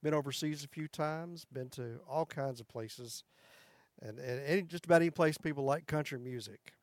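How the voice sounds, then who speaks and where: A country music singer, appearing as a guest, chats casually in an interview in a high tenor voice at a moderate pace. He tells folksy stories and chuckles often, and the recording is dry.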